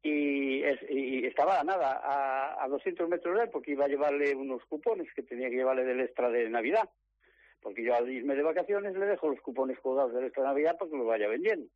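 A man tells his story over the phone, eagerly acting out each exchange. His voice sits at a middle pitch. The tinny, narrow phone line sounds close and dry. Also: fast, no echo. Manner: animated storytelling, acts out quoted dialogue. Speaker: lottery ticket seller. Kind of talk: interview on the phone.

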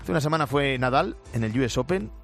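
A man's voice: medium pitch, animated, fast talker, faint music behind. A man presenting radio news with an emphatic, punchy delivery and pointed asides. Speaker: news anchor.

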